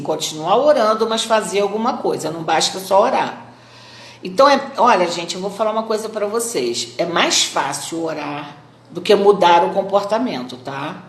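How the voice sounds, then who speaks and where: A woman from Brazil, a speaker, giving a live talk in an expressive, didactic manner. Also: mid-range voice. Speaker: psychologist and speaker. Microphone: phone. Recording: roomy echo.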